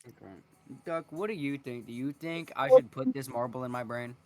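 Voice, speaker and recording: A man's voice: mid-range voice, big pitch swings, fairly quick, warm tone. A man playing in a casual online tabletop game, playful and teasing. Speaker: player.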